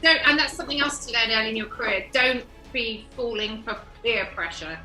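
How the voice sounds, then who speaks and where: A woman's voice: a little high, brisk, bright, forceful tone, soft background music. A woman chatting casually as an interview guest. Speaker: guest, company managing director. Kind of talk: casual chat. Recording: echoey room.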